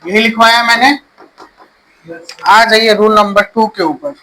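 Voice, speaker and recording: A man teaching an English grammar lesson, dictating slowly and checking in with his students. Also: sits high, steady tone, pushed and bright, poor audio.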